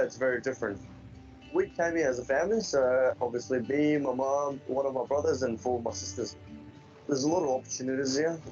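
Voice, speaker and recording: A young man in his twenties from Afghanistan, telling his story plainly in a recorded testimony. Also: mid-range voice. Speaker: interviewee, lifeguard. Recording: dull distant mic with soft music.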